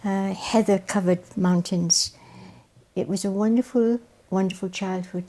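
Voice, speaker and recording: Here an older woman from Wales, Welsh being her first language, answers interview questions about the past as a guest educator. Mellow and mid-range, her voice stays steady and a little slow, and her warm storytelling leans on repeated phrases for emphasis.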